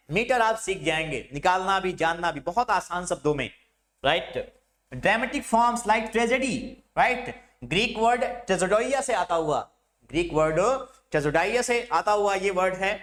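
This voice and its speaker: A man teaching English literature in Hindi, stretching the English terms out slowly as he lectures through a syllabus. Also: high voice, fairly bright tone.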